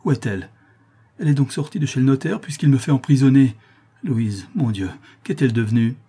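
A man's voice: fairly low pitch, normal speed, mellow, husky. A man voicing a poor, haggard artisan father who cries out in despair. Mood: anguished.

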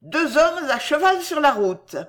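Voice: high-pitched, sing-song, unhurried, a bit bright, voice pushed up, full character voice. A narrator doing a bold little boy lookout. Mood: eager, defiant. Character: brave young boy lookout, eager and defiant. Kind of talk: storybook reading.

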